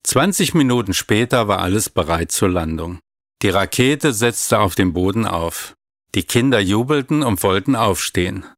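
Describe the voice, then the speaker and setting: A man calmly reading a children's story aloud. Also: on the low side, normal speed, dry recording, clean studio sound. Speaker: narrator.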